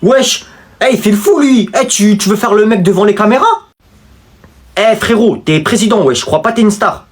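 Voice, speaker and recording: A man's voice: sits high, moderate pace. A man voicing a rowdy, cheeky sixth-grade boy who talks brashly in slang and squeals.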